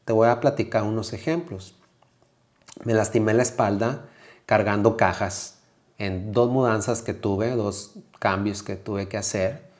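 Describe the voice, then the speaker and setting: Speaking with a Mexican Spanish accent, this man is a yoga teacher hosting a motivational podcast. His voice is lowish and a little slow, and he addresses the listener directly in a calm, reflective way.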